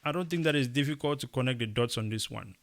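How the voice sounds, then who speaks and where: Gravelly man talking emphatically. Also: medium pitch, fast talker. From Cameroon. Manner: emphatic, rising to animated bursts. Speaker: podcast co-host. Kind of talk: casual opinion chat.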